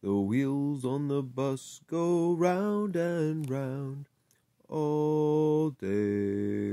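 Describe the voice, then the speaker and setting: Slow sing-song read-aloud of a kids book, mellow voice, dry close sound. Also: mid-range voice, dry recording. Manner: sing-song, drawn-out line endings. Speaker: storybook reader.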